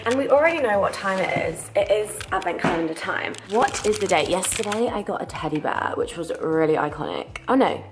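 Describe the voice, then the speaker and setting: A young woman in her twenties chatting casually to camera in a lifestyle vlog, gushing and quick with asides. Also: on the low side, background noise. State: hoarse, lost voice. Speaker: vlogger.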